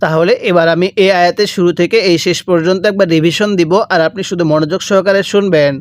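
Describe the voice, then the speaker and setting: A man teaching Quran reading, with a Bangladeshi Bengali accent, who explains each word and then draws out the recitation slowly and repeats it for students to follow. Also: sits high, steady tone, dry recording. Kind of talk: slow step-by-step recitation lesson.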